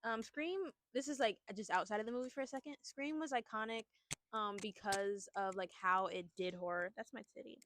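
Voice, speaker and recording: A woman's voice: medium pitch, fairly quick, fairly bright tone, a little hiss or hum. A young woman co-hosting a podcast, casually retelling a horror movie plot in a chatty, rambling way. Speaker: podcast co-host. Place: outdoors at a picnic.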